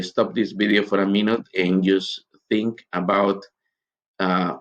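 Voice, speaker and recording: A man with a somewhat low voice teaches for a recorded conference video. His delivery is earnest and halting, full of pauses as he searches for words. The sound is dull and lo-fi. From Guatemala. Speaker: missionary and conference speaker.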